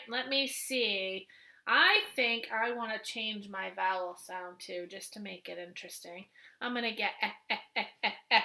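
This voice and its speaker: Woman, kindergarten teacher at home, bright clear tone, slow and patient phonics delivery. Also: a little high. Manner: slow, patient, stretching out letter sounds. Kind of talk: teaching phonics to young children.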